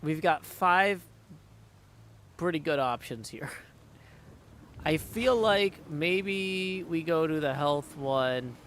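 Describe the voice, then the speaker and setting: Speaking extremely slowly and pausing often, a man streams a video game with chatty, think-aloud commentary, sometimes singing little tunes to himself. His voice is a little high, expressive, and fairly bright, with game music and slight background noise behind it.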